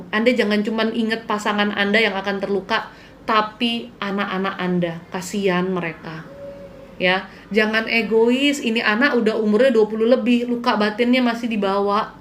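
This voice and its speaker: A woman's voice: fairly high pitch, a bit bright, a little hiss or hum. A woman hosting a live stream as a spiritual healer, telling a client's story in a casual style, earnest and candid, sometimes pleading with viewers.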